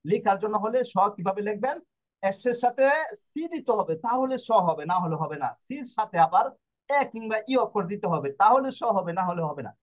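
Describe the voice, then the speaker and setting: A man teaching a language class, repeating sounds slowly syllable by syllable as he explains pronunciation. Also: sits high. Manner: repetitive, drills sounds syllable by syllable. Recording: dull lo-fi recording.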